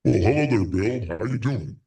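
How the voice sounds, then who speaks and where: A jokey male mystery guest with a disguised deep voice, run through a voice changer by an older man. He sits low in pitch and sounds a little off-mic. His talk stays playful and chatty. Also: lively intonation, normal speed, warm tone, distant mic. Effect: voice changer making his voice deeper.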